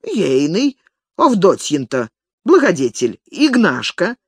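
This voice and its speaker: A reader voicing an old male village elder who grovels and pleads with his master, raising the voice high and thin. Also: huge pitch swings, slow pace, slightly rough, dry recording, exaggerated voice. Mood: wheedling. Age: older. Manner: wheedling, tearful pleading. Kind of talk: audiobook character reading.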